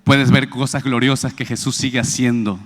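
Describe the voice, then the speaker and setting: A man's voice: mid-range voice, normal speed, in a large hall. A man preaching a sermon and telling a personal testimony, acting out the voices of the people in his story. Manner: animated storytelling, acts out quoted voices, builds to loud praise.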